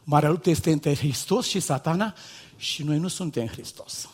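Guy preaching a sermon, pretty high voice, goes from hushed to shouting. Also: slightly rough. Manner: rises from low, quiet asides to loud, shouted exhortation; rhetorical questions and repeated paired phrases.

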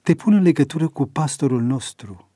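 A man's voice: on the high side, animated, dark tone, no echo, studio quality, voice pushed up. A man doing an eager, caring grown son. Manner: eager, persuasive. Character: caring adult son, earnest churchgoer.

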